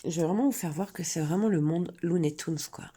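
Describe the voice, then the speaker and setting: A coloring channel creator talks casually about her coloring hobby, hesitant and full of fillers, sniffling now and then from a cold. Her voice is fairly low, brisk, and warm in a relaxed crafting vlog.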